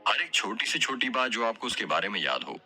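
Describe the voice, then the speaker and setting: A man's voice: on the low side, sing-song, fairly quick, pushed and bright, faint music behind, heavily acted. A man as a polite young police inspector. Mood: respectful. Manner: respectful, formal.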